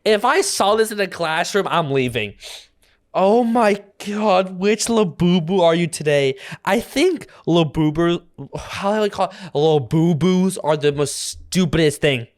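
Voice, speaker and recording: Slow, lively-voiced reaction host. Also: mid-range voice. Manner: animated, exclaims and laughs in disbelief. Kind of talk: casual reaction commentary.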